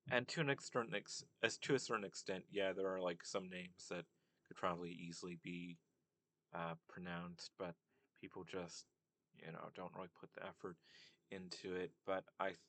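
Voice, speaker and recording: Young guy, really deep voice, rambling on with lots of ums and likes. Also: a bit bright. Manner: rambling, many fillers and restarts. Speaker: commentator on language. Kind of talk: casual monologue.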